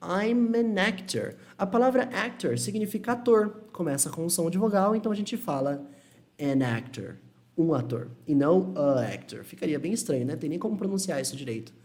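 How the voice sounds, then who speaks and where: A man's voice: high voice, darkish tone. Patient man teaching English. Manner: explains step by step, checks in with "tudo bem?"; models English words slowly and repeats them. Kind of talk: Portuguese-language English lesson.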